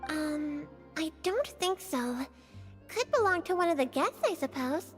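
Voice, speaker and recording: A very high-voiced shy twin. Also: female voice, animated, a little slow, soft background music. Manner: very high, soft and hesitant. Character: eager, shy young woman staff twin. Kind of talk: video game dialogue.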